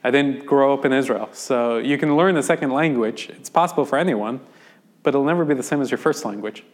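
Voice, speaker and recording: A medium-pitched American man from the United States speaks briskly. He's a rabbi giving an informal class lecture, explaining things conversationally with frequent ums and restarts.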